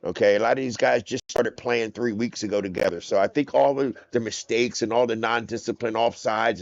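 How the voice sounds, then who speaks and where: A man's voice: lowish voice, a little mellow, no room sound, dull audio. A man from New Jersey with a mix of Jersey accent and Texas drawl, doing color commentary on a football game and repeating phrases for emphasis. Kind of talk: sports commentary.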